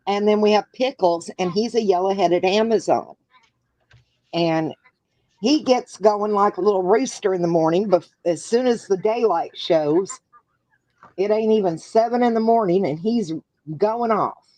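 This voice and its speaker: Slow-talking homey woman hosting a live chat. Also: mid-range voice, dark tone, no echo, poor audio. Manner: chatty, drawn-out, homey. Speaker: livestream host.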